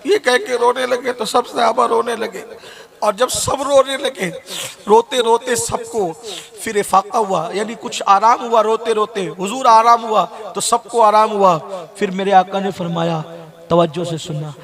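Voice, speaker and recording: High-voiced man preaching an impassioned sermon. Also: a little slow, creaky, fairly bright tone. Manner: emotional, repetitive, addresses the crowd directly. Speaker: Islamic preacher.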